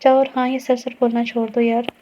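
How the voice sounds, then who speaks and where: A woman's voice: on the high side, level tone, fairly quick, dark tone, a little hiss or hum, close to an everyday voice. A woman voicing a loving young male boss and new husband who speaks tenderly and teases. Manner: tender, teasing. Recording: dull lo-fi recording.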